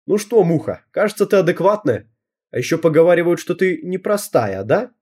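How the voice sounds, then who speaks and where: A cocky, bossy teenage girl who leads a school gang and talks in street slang, as a man puts her on. The voice sits well above his own, with a husky, mellow tone. An audiobook reading. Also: high-pitched, sing-song, fairly quick, pitched above the performer's own voice, full character voice. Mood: sly. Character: brash tough teenage girl, gang leader.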